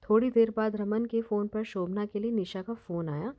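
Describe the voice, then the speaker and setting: A woman's voice: medium pitch, moderate pace. Woman narrating a moral story. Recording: dull lo-fi recording.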